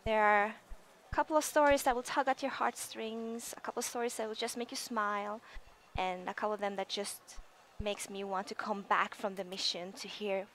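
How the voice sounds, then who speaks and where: A woman's voice: mid-range voice, fairly even intonation, moderate pace, a bit bright, slight background noise. A woman game developer chatting on a live stream in an upbeat, enthusiastic way.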